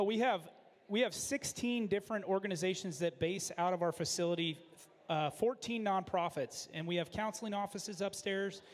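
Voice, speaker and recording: A man hosting an event with unscripted announcements, often pausing mid-phrase. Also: sits high. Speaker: event host. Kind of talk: unscripted announcements at a benefit auction. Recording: echoey hall with long reverb.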